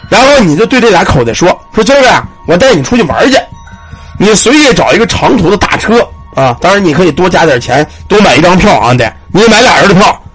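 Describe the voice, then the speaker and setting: A man's voice: high-pitched, very animated, quick pace, a bit bright, husky, soft background music, exaggerated voice. A man doing a grave old village temple keeper. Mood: instructing.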